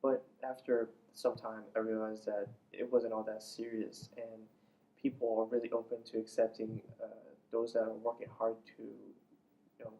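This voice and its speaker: Recorded on a distant mic with faint noise behind him, a young native Farsi speaker from Iran gives explanatory answers as an interview guest. His fairly low voice has a warm tone and a completely flat delivery at normal speed. He sounds earnest and a little formal.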